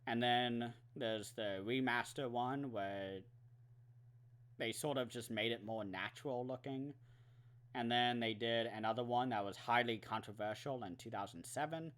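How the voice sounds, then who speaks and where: A man with a mid-range, fairly bright voice speaks unhurriedly in a casual monthly wrap-up for his movie vlog. He rambles with lots of fillers and some swearing, and his throat is dry, his voice giving out.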